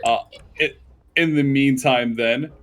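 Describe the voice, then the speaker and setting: A man's voice: medium pitch, fairly even intonation, slow, fairly bright tone. A man running a tabletop game as game master, narrating casually and loosely. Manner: casual, easily amused, loose descriptive narration.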